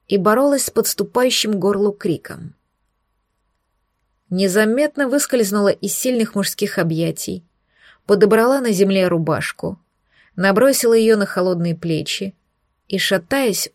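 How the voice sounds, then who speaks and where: A woman's voice: mid-range voice, no room sound, studio quality. Woman narrating an intimate romance audiobook. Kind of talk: first-person romance novel narration.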